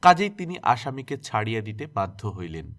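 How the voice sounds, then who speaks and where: A man reading a classic novel aloud as an expressive storyteller. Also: on the low side, normal speed. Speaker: story narrator.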